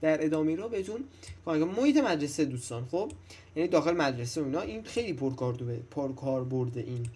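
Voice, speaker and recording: A young man gives a relaxed English lesson to school students. His voice sits a little high for a man, and he talks to the class directly, often repeating himself to drive a point home. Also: husky. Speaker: English teacher. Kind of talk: casual classroom-style lesson.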